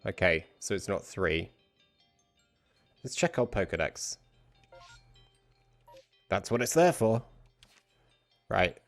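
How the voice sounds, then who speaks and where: A man's voice: low voice, very animated, slow, creaky, long pauses, faint music behind. A man streaming a video game, thinking aloud in casual commentary as he plays. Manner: thinking aloud, muttering to himself.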